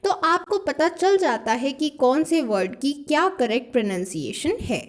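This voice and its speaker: High-voiced woman teaching a lesson. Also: animated. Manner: Hindi-English mixed explanation, repeats points, reads out example words slowly. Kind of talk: classroom lesson explaining phonetics.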